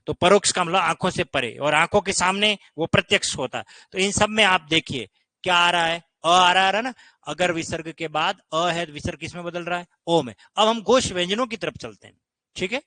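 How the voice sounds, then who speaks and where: A man's voice: on the high side, pushed and bright, no room sound. A man teaching grammar in an online exam-prep lesson, explaining patiently and often checking that students follow. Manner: explains patiently, keeps asking "ठीक है?".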